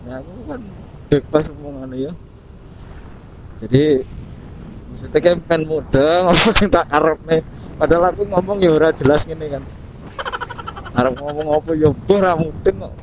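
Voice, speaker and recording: A man's voice: fairly high pitch, moderate pace, pauses often. A man with a Central Javanese accent chatting casually and joking to himself as he rides a motorbike and vlogs. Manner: joking, chatty, talks to himself, laughs often. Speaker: motovlogger. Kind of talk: casual riding vlog chat. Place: riding a motorbike on country roads. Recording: loud wind and engine noise.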